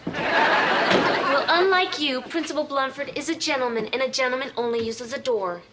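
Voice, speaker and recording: A woman's voice: high-pitched, normal speed, lightly acted. A young woman playing a stubborn, spoiled teenage girl who protests at her school's radio station in a sitcom. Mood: defiant. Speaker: student radio host. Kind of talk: sitcom acting. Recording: studio audience laughter and noise.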